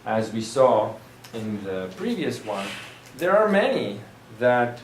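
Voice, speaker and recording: A man's voice: medium pitch, very animated, slow pace, slight background noise. Man lecturing math in an echoey room. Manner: explains patiently with examples, trails off and restarts. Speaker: math instructor. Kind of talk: recorded classroom lecture. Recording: roomy lecture room, distant mic.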